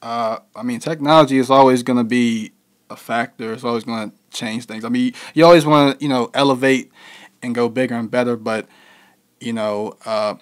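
A man's voice: mid-range voice, steady tone, normal speed. Laid-back young man, lots of fillers. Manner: laid-back, heavy with fillers like "you know". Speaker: interview guest, musician. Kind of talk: casual interview conversation.

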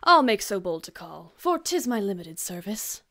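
A woman's voice: mid-range voice, sing-song, moderate pace, fairly bright tone. A woman playing a grave, passionate Scottish noble in a Shakespearean radio drama. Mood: brisk, courteous.

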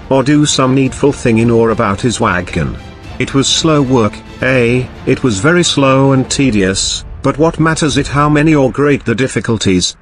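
A man reading an audiobook aloud in a measured, old-fashioned storytelling manner. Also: medium pitch, a bit bright. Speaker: audiobook narrator. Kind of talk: scripted audiobook narration.

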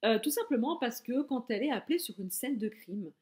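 A woman's voice: a little high, lively intonation, brisk, a little mellow. A woman from France giving a casual, enthusiastic book review straight to her viewers.

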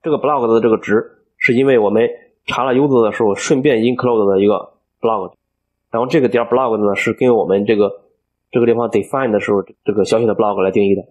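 A man teaching a coding tutorial over a screen recording, explaining each step aloud and filling pauses as he thinks. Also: on the low side, fairly even intonation, darkish tone, breathy edge. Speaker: programming instructor.

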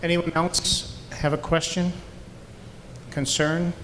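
A man's voice: fairly high pitch, flat delivery, takes it slowly, a bit bright, a little hiss or hum. A man chairing a public meeting, courteously thanking speakers and wrapping up. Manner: courteous, wraps things up. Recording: long hall reverb.

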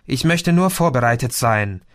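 A man's voice: mid-range voice, lively intonation, normal speed, dry recording, studio quality, natural voice. A man reading an audiobook voicing a protective young man who pants and speaks bluntly. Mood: panting. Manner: panting, blunt.

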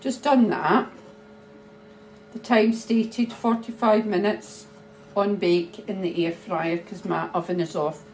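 A middle-aged woman, chatting slowly and thinking aloud as she preps food in her home kitchen. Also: mid-range voice, steady tone, a little mellow. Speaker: cooking vlogger. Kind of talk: casual cooking chat. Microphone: phone camera held nearby. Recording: noisy home kitchen ambience.

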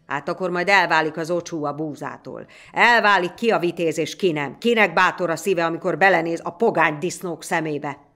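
A woman's voice: lowish voice, pushed and bright, faint music behind. A woman playing a hot-headed soldier. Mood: fiery. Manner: fiery, scornful. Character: hot-headed, fierce male Hungarian soldier.

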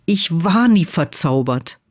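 A woman voicing an earnest, troubled young male wizard who speaks quietly and insistently, close to her own voice. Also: deep voice, expressive, slow, exaggerated voice. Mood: grave.

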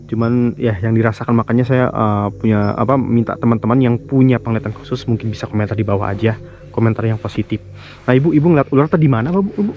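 A man's voice: mid-range voice, fast talker, highs cut off, slight background noise. A man hosting a casual vlog, chatting loosely with viewers and interviewing locals outdoors. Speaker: vlogger, host.

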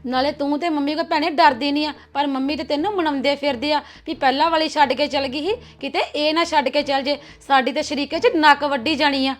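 A young actress playing a cautious, gossiping elder sister-in-law who talks in a confiding manner. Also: female voice, sits high, fairly even intonation, fairly quick, few pauses, faint music behind, natural voice. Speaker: actor. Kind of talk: web series drama acting.

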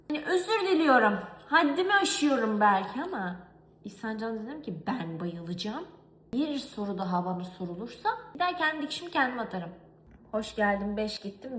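A young woman from Turkey telling a story in a casual cooking vlog, animated and exasperated. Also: sits high, roomy sound, slight background noise. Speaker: vlogger. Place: home kitchen.

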